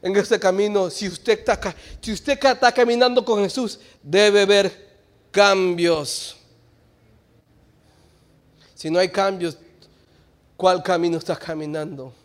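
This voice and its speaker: Male preacher, very high voice, loud calls that drop to quiet asides. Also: takes it slowly, pauses often. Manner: swings between shouted exhortation and quiet joking asides. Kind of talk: sermon. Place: church.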